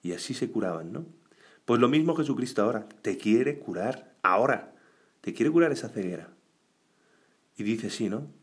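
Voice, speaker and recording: A male priest preaching a weekday homily in a chatty, conversational style. He keeps asking tag questions and briefly acts out the voices in the story as he goes. His voice sits at an ordinary middle pitch. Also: expressive, normal speed, long pauses.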